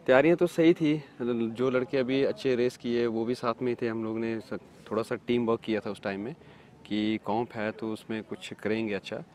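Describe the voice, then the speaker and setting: A paragliding pilot from India answers interview questions in a relaxed, halting way, filling the gaps with many fillers. His voice is medium in pitch.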